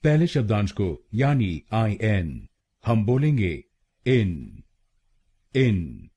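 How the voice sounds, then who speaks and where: A man with an Indian accent teaches pronunciation in a slow, deliberate drill, breaking the word into syllables and repeating each one. His voice sits low and dark with a husky edge, while the pitch moves around a lot. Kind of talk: scripted pronunciation lesson.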